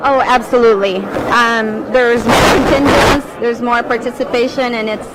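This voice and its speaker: A woman's voice: fairly high pitch, fairly even intonation, normal speed. A middle-aged woman from the Philippines, answering casually as an interviewed event guest. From Cebu, Philippines. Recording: loud crowd and heavy outdoor noise.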